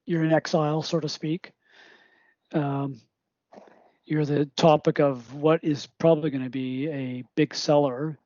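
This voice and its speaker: A man's voice: fairly high pitch, warm tone, no echo, highs cut off. A man hosting a casual, conversational interview and putting questions to his guest.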